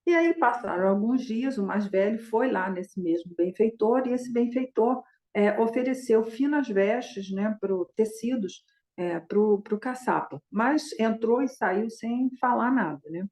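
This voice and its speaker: A woman's voice: fairly high pitch, unhurried, darkish tone, roomy sound. Chatty woman telling a dharma story. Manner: conversational, with a constant tag question "né?". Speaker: Buddhist dharma teacher. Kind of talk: retelling a Buddhist story in a dharma talk.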